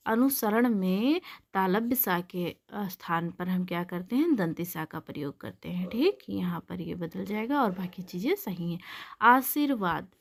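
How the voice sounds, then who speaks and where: A woman tutor walks through Hindi spelling errors for exam students. She says each word several times over and answers her own questions as she goes. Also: mid-range voice. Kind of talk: exam-prep lesson explaining spelling errors.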